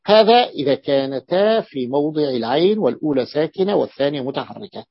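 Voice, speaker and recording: Male teacher, husky and fairly high, patient, repeats key words, dry lo-fi recording. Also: lively intonation, no echo. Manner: explains slowly, repeats words, asks the class questions. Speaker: teacher of Arabic morphology. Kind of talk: classroom lesson.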